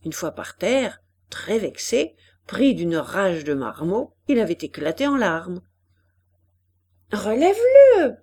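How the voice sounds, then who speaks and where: A woman's voice: on the low side, sing-song, a little slow, a little mellow, slightly rough. A woman narrating an audiobook expressively, acting out each character. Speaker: audiobook reader.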